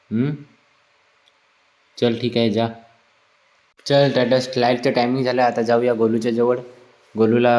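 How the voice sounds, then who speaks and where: Low mellow man, teasing vlog chatter. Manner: chatty, teasing, playful narration. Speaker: vlogger working at a water park resort. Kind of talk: casual vlog commentary.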